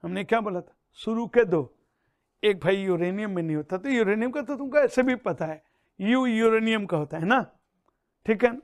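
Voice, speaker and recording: A man teaching chemistry in a lesson, slowly chanting mnemonics and repeating them for students, calling them beta. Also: very high-pitched, fairly bright tone, smooth, dry recording, studio quality. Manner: addresses listeners as beta and bhaiya.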